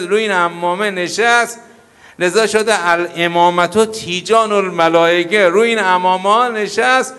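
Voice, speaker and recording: A man preaching an ethics sermon as a cleric, telling stories with loud emphatic peaks and low murmurs. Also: clear, resonant tone, in a large hall. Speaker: cleric giving an ethics lecture.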